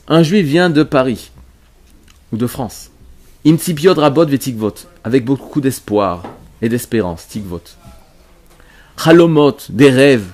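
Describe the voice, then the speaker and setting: Emphatic male Torah teacher. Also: medium pitch. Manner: emphatic, explanatory, often repeats and restarts. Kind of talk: religious lesson to a class.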